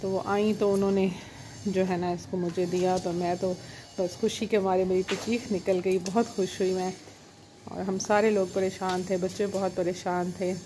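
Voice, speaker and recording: A woman from Pakistan, telling a home story in a relaxed, even way as a vlogger. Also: mid-range voice, slight background noise. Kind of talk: casual vlog narration. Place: home rooftop, outdoors.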